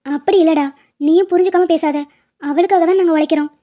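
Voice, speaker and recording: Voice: very high-pitched, steady tone, quick pace. A woman voicing a busy, defensive middle-aged mother in a cartoon drama, brushing off concerns in a dismissive way. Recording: dull lo-fi cartoon audio.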